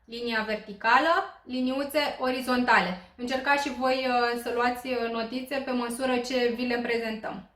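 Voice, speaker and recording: A woman's voice: on the high side, steady tone, a bit bright. A woman from Romania teaching an online language lesson, explaining patiently with frequent hesitant fillers. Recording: roomy echo.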